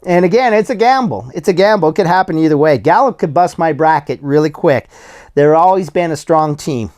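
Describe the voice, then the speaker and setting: A man hosts a solo sports podcast, giving bracket predictions in a casual, plain-spoken way with many fillers and restarts. His voice is fairly high, animated, brisk, and darkish in tone, though slightly hoarse as he loses it.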